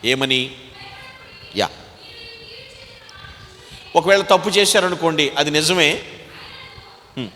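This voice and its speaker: A man with a Telugu accent preaching a sermon as pastor, swinging between loud exhortation and quiet, low asides. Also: slow, long pauses, in a large hall.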